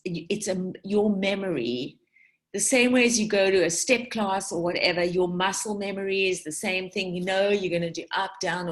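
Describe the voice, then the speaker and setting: Woman in her forties from South Africa, casual group talk, chatty and rambling, mid-pitched, wanders off on tangents. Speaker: essential oils distributor speaking to her team.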